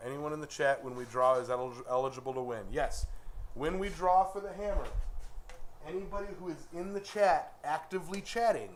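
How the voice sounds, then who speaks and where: A man with a rather high voice hosts a casual live stream in a folksy way. He addresses viewers informally. The room is echoey, with clear noise behind him. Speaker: livestream host. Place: forge workshop. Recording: echoey workshop, loud background noise.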